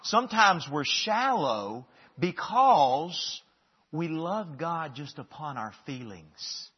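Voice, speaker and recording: A man preaching a sermon, emphatic, moving between loud bursts and hushed lines and often repeating words as he restarts phrases. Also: on the high side, very animated, slow pace, slightly rough. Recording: dull long-reverb hall sound.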